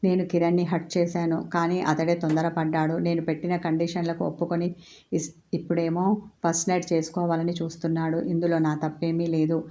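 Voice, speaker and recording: Brief: woman narrator doing a sharp-tongued young bride, low, mellow, flat delivery. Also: fairly quick, natural voice. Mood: bitter. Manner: sharp, scolding. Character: fiery young bride, bitter toward men. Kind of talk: storybook character voice.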